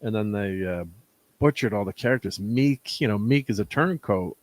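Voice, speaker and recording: Casual host, lower male voice, meandering and halting delivery. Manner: rambling, halting, laughs often. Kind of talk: casual chat.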